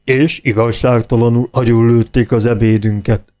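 A man voicing a grumpy, hungry bear gentleman in a storybook, talking slowly and gruffly. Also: medium pitch, level tone, natural voice. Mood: gruff grumbling.

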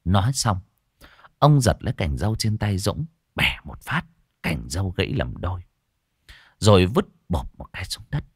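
A man's voice: sits low, big pitch swings, normal speed, slightly rough, no room sound, clean studio sound. A man narrating an audiobook story expressively.

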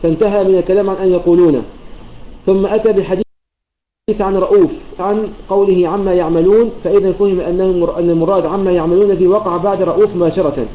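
A man's voice: sits high, steady tone, quick pace, mellow, echoey room, highs cut off, a little hiss or hum. A man teaching Quran recitation in a methodical lesson, quoting verses and poetry lines and restarting phrases to clarify, heard over an online voice chat room. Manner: quotes verses and poetry lines while explaining. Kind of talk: explanatory religious lesson.

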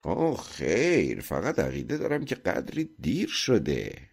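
A greedy, fretful landowner from a folk tale, as a male narrator puts him on. He speaks in a raised, strained voice that swings up and down, anxious one moment and shouting the next. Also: lowish voice, wildly swooping pitch, creaky, husky, full character voice.

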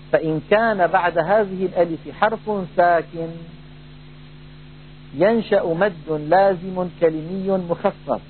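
A man teaching a Quran recitation lesson, explaining rules in a measured way and slowly drawing out recited examples. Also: a little high. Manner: measured, drawn-out demonstrations of recited words. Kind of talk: tajwid lesson with demonstrated recitation. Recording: tinny phone-like band, faint hum.

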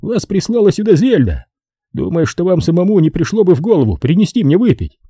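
A sulky, tired, stubborn man complains in a raised, petulant voice, as a male narrator puts him on. The read is husky and dark, recorded close and dry. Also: sits high, big pitch swings, brisk, no room sound, voice pushed up, heavily acted. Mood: grumbling.

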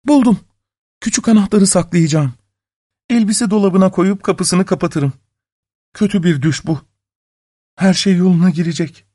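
A man voicing a frightened young wife who pleads in a high, tearful voice. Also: normal speed, pauses often, dark tone, no room sound, clean studio sound. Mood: anxious.

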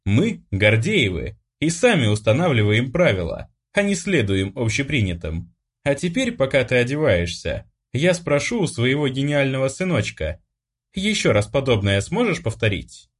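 A male audiobook reader playing a proud, calm mother of a noble family in a measured, gently authoritative voice. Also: mid-range voice, slightly rough, pitched above the performer's own voice. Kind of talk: audiobook character voice.

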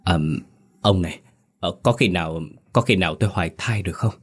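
A man voicing a tired, gentle village wife who speaks hesitantly and softly. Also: low voice, normal speed. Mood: weary. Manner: hesitant, soft-spoken. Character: middle-aged village woman, tired, gentle.

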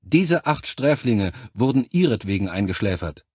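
A man voicing a gruff male drill instructor who gives curt, loud orders to recruits in an audiobook. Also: on the low side, very animated, normal speed, no room sound, clean studio sound. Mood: lecturing.

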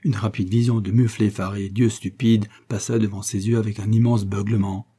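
A male audiobook narrator reading a classic novel in a measured, even way. His low voice sounds mellow and somewhat husky. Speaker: audiobook reader. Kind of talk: scripted narration.

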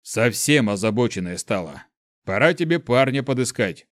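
A man voicing a male guardian who grumbles and mocks in a gruff, offhand way. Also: mid-range voice, lively intonation, normal speed, fairly bright tone, no room sound, clean studio sound, close to an everyday voice. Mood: teasing. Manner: grumbling, mocking. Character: gruff teasing male keeper, old ancient being.

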